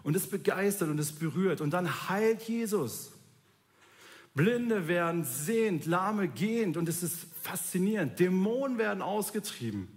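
Male preacher, casual sermon delivery, acts out quotes, pitched a touch high. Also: measured pace. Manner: lively, acts out quoted voices, colloquial youth slang.

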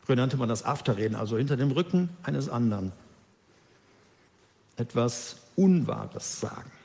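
A man preaching a sermon, emphatic and lively, who acts out the voices of the people he quotes. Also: mid-range voice, moderate pace, gravelly, long reverb tail.

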